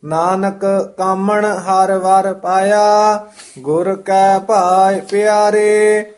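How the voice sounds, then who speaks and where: A man reciting scripture line by line for a teacher, in a measured, chant-like reading. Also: high voice, flat delivery, darkish tone.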